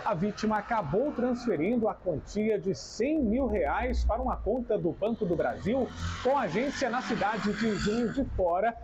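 High-voiced young Brazilian male reporter. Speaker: news reporter. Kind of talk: scripted news report. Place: room beside a window with blinds. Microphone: lapel mic. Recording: dull audio with clear background noise.

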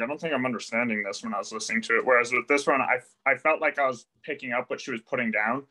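A man's voice: on the low side, bright, forceful tone, low-quality recording. A man in a casual online book discussion, rambling with many fillers and some self-deprecation. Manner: rambling, lots of likes and ums, self-deprecating. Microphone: video call.

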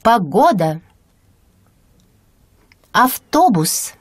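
A woman serving as the native-speaker model reader in a language lesson, pronouncing single words slowly with clear, deliberate enunciation. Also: medium pitch, very animated, no echo. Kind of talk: slow careful word-by-word reading.

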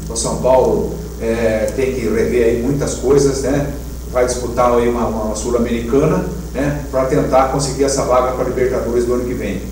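An older man co-hosting a sports talk show, chatting casually with lively emphatic bursts. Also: medium pitch, moderate pace. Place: TV studio set. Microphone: lapel mic. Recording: echoey room, mic far off, faint hum.

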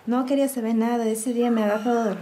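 A woman with an Argentine accent giving personal testimony, recounting events by quoting dialogue in a low, subdued way. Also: steady tone, quick pace, dark tone, slight background noise. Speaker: interviewee.

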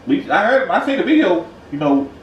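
A man's voice: high voice, big pitch swings, brisk, far from the mic, highs cut off. Stammering man in a roomy echo. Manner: stammering, repeats words, tags lines with "though". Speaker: comedy vlog co-host. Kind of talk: comic improvised chat. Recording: roomy echo, from off-mic, faint noise.

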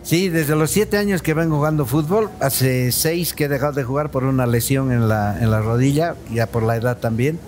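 A man in his sixties from Bolivia, a comedian and dental technician, chatting as a guest in a relaxed, storytelling way and calling the host brother. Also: mid-range voice, moderate pace, hardly any pauses. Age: 60s. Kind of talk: casual interview chat. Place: studio set with a round table, at night.

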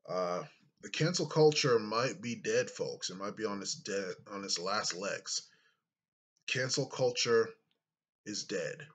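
A thirty-something man with a deep, slightly bright voice vlogs casually to his webcam from a small room. As a YouTuber, he speaks without hurry, thoughtfully, filling pauses with many fillers.

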